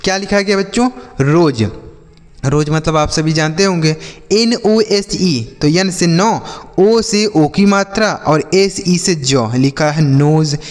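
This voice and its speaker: Man teaching children to read, slow spelling. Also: a little high. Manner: spells letters slowly and asks pupils to repeat. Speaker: English teacher. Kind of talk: reading lesson for children. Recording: long hall reverb.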